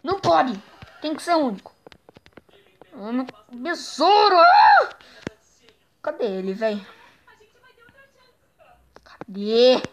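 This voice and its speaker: A young woman with a Brazilian Portuguese accent giving excitable, playful let's-play commentary, teasing and squealing as she plays. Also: high voice, slow, long pauses. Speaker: gaming YouTuber.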